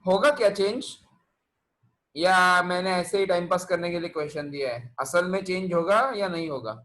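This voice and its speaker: Bright-voiced man teaching physics. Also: high voice, normal speed, rough recording. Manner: quizzing students, mixing English terms into Hindi. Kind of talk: online class lecture.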